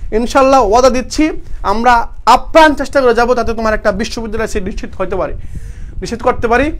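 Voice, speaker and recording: Very high-voiced young man teaching. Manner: drills students with repeated questions he answers himself; encouraging, motivational. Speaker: university admission coaching teacher. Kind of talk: online live class.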